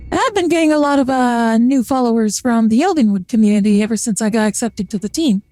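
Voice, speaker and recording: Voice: medium pitch, fast, darkish tone, soft background music. A streamer talking through a voice changer that makes the voice sound feminine, chatting casually and rambling with many fillers. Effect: voice changer making the voice sound feminine. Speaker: VTuber streamer. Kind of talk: casual gameplay chat.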